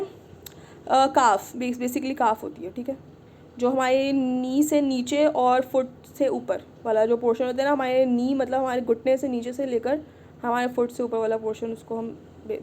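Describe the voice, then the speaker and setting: A woman leads an online Arabic class. Her voice sits high but has a soft, mellow color. She explains patiently and keeps checking in with her students. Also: fairly even intonation, measured pace, slight background noise. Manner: patient, repeats "ठीक है" often. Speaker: Arabic teacher.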